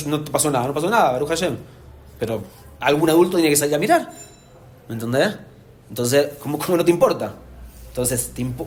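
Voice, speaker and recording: Un hombre de acento enseña como rabino ante padres, con voz de altura media y un tono explicativo y vivo, sobre un leve murmullo de sala. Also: male voice, mid-range voice, slight background noise. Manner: animated, explanatory, asks "¿se entiende?" often. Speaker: rabbi teaching parents. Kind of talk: live lecture to an audience. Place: community hall with an audience.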